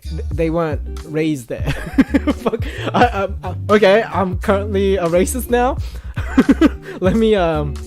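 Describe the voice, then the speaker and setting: A man hosting a casual livestream, reading viewer comments aloud in an animated, jumpy voice with frequent laughs, on a desk mic. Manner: animated, jumpy pitch, laughs often, talks straight to chat. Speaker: livestream host. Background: background music playing.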